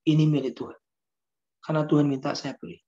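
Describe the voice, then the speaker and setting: A man's voice: on the high side, steady tone, quick pace, dark tone, highs cut off, lightly acted. A man quoting a humble, tearful male businessman who gives away his offerings, speaking earnestly.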